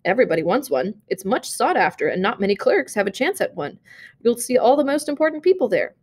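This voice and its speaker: A woman's voice: fairly high pitch, very animated, fast, a little hiss or hum. A woman voicing a thrifty, eager male clerk, speaking in a coaxing, earnest tone in a storybook reading.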